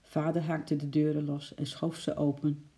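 Dark-voiced children's storyteller. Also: mid-range voice, moderate pace. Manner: lively, with sound effects for the animals. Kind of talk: children's story read aloud.

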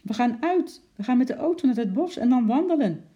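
A storybook reader voicing an eager young girl who pleads and chatters with excitement. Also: medium pitch, normal speed, highs cut off, voice pushed up. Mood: excited. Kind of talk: children's audiobook reading.

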